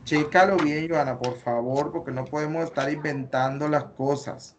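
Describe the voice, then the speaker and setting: Mexican male teacher, slightly high voice, explains slowly, lots of fillers. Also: steady tone, slight background noise. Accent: Mexican Spanish. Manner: explains step by step, corrects patiently, many fillers. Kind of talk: online class, reviewing student data.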